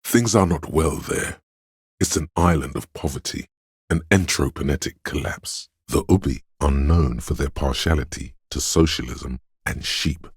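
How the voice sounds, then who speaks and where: A man voices a learned, detached inner voice of trivia in a video game, narrating in a measured, erudite, wry manner with a smooth, resonant tone. His exaggerated, rumbling low voice is recorded at studio quality with no echo. The mood is informative and deadpan.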